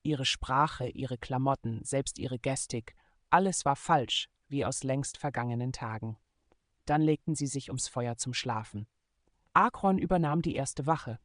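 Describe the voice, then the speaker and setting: A man reading a German adventure novel aloud in steady, measured scripted narration. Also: medium pitch, dry recording, clean studio sound. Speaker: audiobook narrator.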